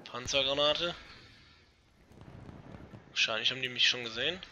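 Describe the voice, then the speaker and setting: A young man giving casual, excitable commentary over an online shooter match, swearing and talking to his viewers. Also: medium pitch, normal speed, slight background noise. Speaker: let's play gamer. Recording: dull lo-fi gaming mic.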